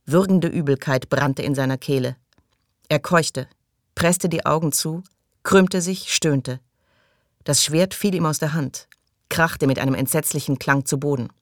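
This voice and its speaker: A man reading an audiobook aloud in measured, dramatic storytelling. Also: on the high side, no echo, studio quality. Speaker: audiobook reader. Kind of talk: scripted narration.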